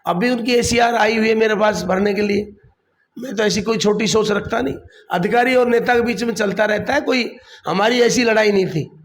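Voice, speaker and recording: High-voiced man dodging questions. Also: moderate pace, slight background noise. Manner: defensive, evasive, repeats his points. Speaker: district council chief, interviewee. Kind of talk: political interview.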